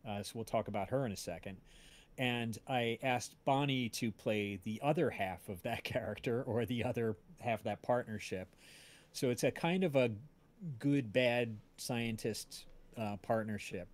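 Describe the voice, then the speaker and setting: A podcast creator hosting a casual livestream chat rambles along, often searching for words as he tells stories. His voice is medium-pitched and his pace moderate.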